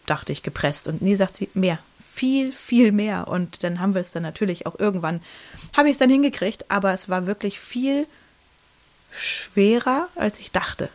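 A woman's voice: mid-range voice, moderate pace. A woman in her thirties chatting casually on a podcast, telling a personal story with many fillers and restarts and acting out what people said. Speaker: podcast co-host.

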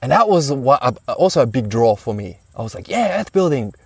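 A man recounting a personal story in loose, casual talk, full of fillers and curse words. His pitch is lively and moves a lot. The sound is dry and taken from a distance. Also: fairly quick, breathy edge, no room sound. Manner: rambling, swears freely, lots of fillers. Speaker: guest.

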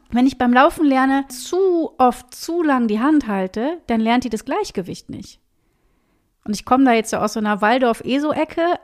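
On a podcast microphone, a woman with a slightly high voice chats in a relaxed way about teaching singing. She's lively and animated, repeatedly slipping into little acted-out dialogues with her students, doing their voices.

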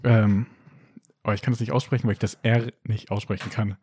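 Young man, mellow dark tone, dry close sound, casual colloquial storytelling. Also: lowish voice, fairly even intonation, a little fast, husky, no echo. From Germany. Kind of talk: casual chat.

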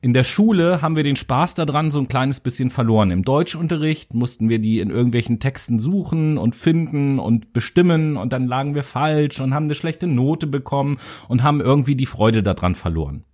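A man with an average-pitched voice co-hosts a casual educational chat. He makes sarcastic, mocking remarks and crude jokes. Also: expressive, a little fast, few pauses, darkish tone. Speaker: co-host.

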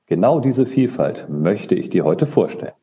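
A man hosts a podcast and greets his guests. His very deep voice swings widely in pitch, keeping his delivery lively. The recording sounds slightly muffled. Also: normal speed. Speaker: podcast host, social counselor. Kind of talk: podcast moderation.

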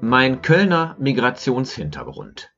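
A man from the Rhineland narrates his own scripted essay for a podcast, his telling dry and ironic. His pitch moves in lively swings around a middle register. The recording sounds a little dull and muffled. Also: unhurried, creaky, music in the background. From Germany, Rhineland. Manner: wry, ironic storytelling. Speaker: podcaster and blogger.

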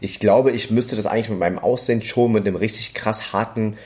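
A man chatting casually as a podcast co-host, relaxed and halting with many fillers. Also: lowish voice. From Germany. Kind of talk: casual chat.

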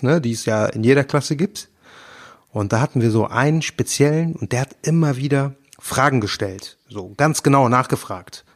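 A man in his forties talks calmly on a casual podcast. He tells his story in a measured, even way, as the steadier of the two hosts. His voice sits at a middle pitch. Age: 40s. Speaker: podcast co-host. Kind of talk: casual chat.

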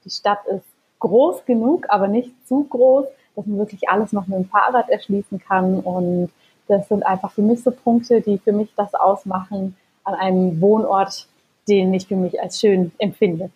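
A woman's voice: medium pitch, steady tone, normal speed, slightly rough, muffled recording. A woman from Germany, a physician and health coach, speaking articulately and enthusiastically as a podcast guest. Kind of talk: conversational interview.

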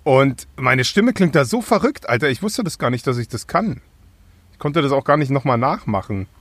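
Male voice actor, relaxed conversational read, easy laughs. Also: mid-range voice, moderate pace, dry recording. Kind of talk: casual chat.

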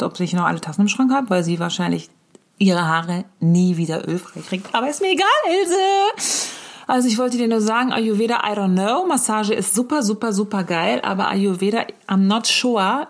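A woman doing a comic monologue as a voice message to a friend, gossipy and exaggerating, with English phrases thrown in. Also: mid-range voice. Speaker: comedian.

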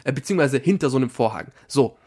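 A young man telling an anecdote casually to his viewers, animated and often restarting his sentences. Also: mid-range voice, quick pace. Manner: lively, animated storytelling, often breaking off to restart. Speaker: vlogger telling a story. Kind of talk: casual storytelling to camera.

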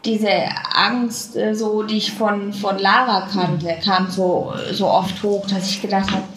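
A woman telling a personal story in conversation, halting and reflective, often searching for words. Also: medium pitch, fairly even intonation, fairly bright tone. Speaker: interview guest. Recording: echoey room with faint noise.

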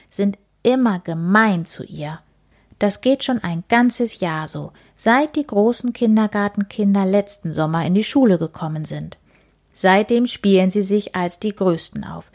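Woman reader, unhurried, low-ish voice, gentle storytime delivery. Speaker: reader of a children's book. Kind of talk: reading a children's story aloud.

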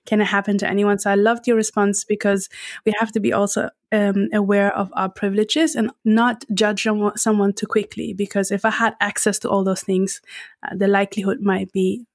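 Woman, podcast host, mid-pitched voice, affirming murmurs, dry close sound. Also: dry recording. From Germany. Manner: warmly affirming, lots of soft "mm" responses, searching restarts. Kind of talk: interview questions.

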